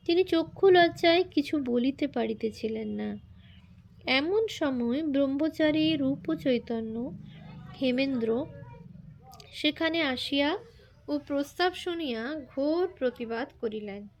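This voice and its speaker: A woman reading a biography aloud in formal prose, slow and measured, with quoted lines spoken in a more everyday tone. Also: high voice, lively intonation. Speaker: reader.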